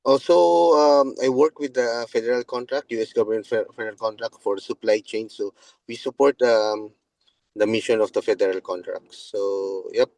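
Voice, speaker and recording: Filipino man, low dry voice. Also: fairly even intonation, darkish tone, no room sound, rough recording. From Philippines. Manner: loose, halting speech with many restarts. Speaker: guest. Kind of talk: casual interview.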